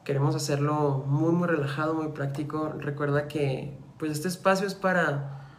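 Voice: medium pitch, steady tone, normal speed, a little hiss or hum. A podcast co-host, welcoming listeners and recapping episodes in a friendly, conversational way. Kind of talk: casual faith podcast hosting. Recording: roomy echo.

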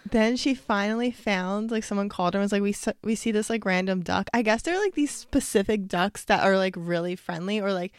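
A young woman co-hosting a podcast, telling stories in a loose, rambling way. Her voice is mid-pitched and ordinary, with a lot of "like". The recording is dry and close. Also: fairly quick, hardly any pauses, smooth, no echo. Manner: rambling storyteller, lots of "like". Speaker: podcast co-host. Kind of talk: casual chat.

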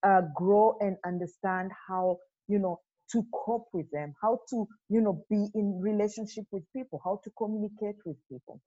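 A woman's voice: medium pitch, moderate pace, warm tone, highs cut off. A woman in her forties from Kenya, a podcast guest talking earnestly and reflectively, with many fillers. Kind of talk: casual interview.

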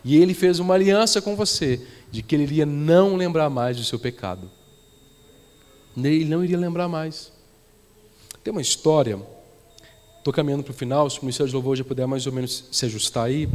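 A pastor with a Brazilian Portuguese accent preaches a sermon, weaving in stories and repeating phrases for emphasis while the worship band plays soft guitar behind him. His voice is on the high side and brisk, with frequent pauses and a big-room sound.

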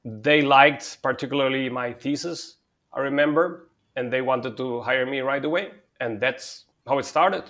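He has a mid-range, fairly bright voice and takes his time. A Spanish telecom consulting CEO, he's a guest in a conversational interview, tracing his career with frequent filler words and sentences he keeps restarting.

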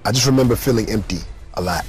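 A young man telling his personal testimony in an earnest, emotional way, with sudden rises in pitch. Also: fast, soft background music. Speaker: testimony speaker.

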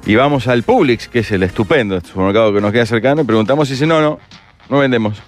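A man's voice: medium pitch, expressive, faint music behind. A man with a Uruguayan accent, co-hosting a radio show and telling anecdotes in a casual chat among friends. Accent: Uruguayan Spanish. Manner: fast, storytelling.

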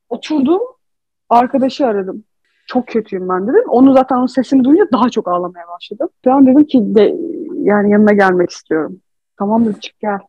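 Candid female co-host, higher-pitched and breathy, dry dull recording. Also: dark tone, dry recording. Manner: candid, emotional storytelling. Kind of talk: casual confessional chat.

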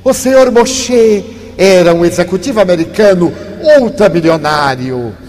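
Older lecturer in a reverberant hall. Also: male voice, high voice, normal speed. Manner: warm storytelling, shifts from hushed to animated. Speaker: spiritist lecturer. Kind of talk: inspirational lecture with storytelling. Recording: long hall reverb, faint background noise.

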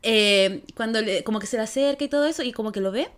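A young Chilean woman chatting casually as a podcast co-host, animated, laughing and acting out her reactions. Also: on the high side, fast talker, smooth. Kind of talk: casual chat.

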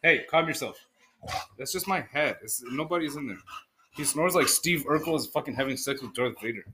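A man co-hosting a casual podcast, swearing and laughing, swinging from loud bursts to low mutters. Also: expressive, fairly quick, background noise. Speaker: podcast co-host.

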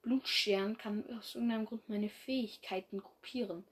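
A woman's voice: medium pitch, steady tone, normal speed, slightly rough. A young woman reading her own fan story aloud in a casual way, with slips and restarts as she goes.

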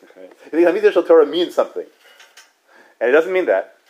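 Very animated and pitched on the high side, a man with a darkish tone teaches Talmud study loosely, recorded with lo-fi sound. This Torah teacher sprinkles "right?" throughout, restarts quickly, and chuckles.

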